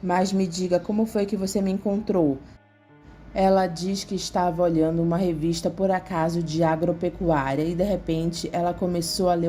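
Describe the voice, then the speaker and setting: A woman with a Brazilian Portuguese accent narrating a soap opera recap in a steady, even reading. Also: on the low side. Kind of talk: scripted narration. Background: faint music.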